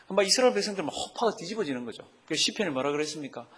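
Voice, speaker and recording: A man's voice: a little high, animated, very fast, fairly bright tone, slightly rough. A man preaching a Bible-teaching sermon, often putting questions to the congregation. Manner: asks the congregation frequent questions. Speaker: pastor. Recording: long hall reverb.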